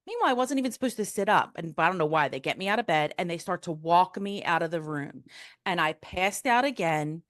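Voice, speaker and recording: Animated woman in her fifties telling a story. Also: fairly low pitch, fairly quick, no echo, studio quality. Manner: animated, acting out quoted voices; frank, casual, swears. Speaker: guest. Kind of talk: personal storytelling in an interview.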